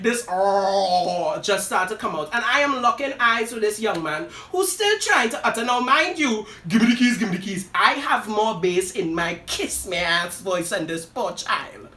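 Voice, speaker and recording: A woman hosting a live show delivers a dramatic personal story with sassy asides, addressing listeners as "girl" and "darling." Her medium-pitched voice is animated, bright, and forceful, moving at normal speed with hardly any pauses. The sound is roomy and echoey, her voice distant.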